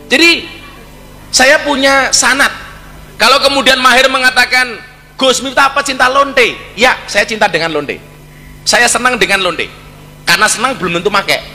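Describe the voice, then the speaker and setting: Bright-toned Javanese preacher in an echoing hall. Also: male voice, very high voice, normal speed, long pauses. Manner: joking, lively storytelling, slips into Javanese. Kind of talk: sermon with humorous storytelling. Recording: hall reverb.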